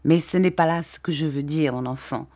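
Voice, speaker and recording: A woman reading an audiobook, voicing a kindly, simple-minded older gentleman who talks in earnest, halting phrases. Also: medium pitch, expressive.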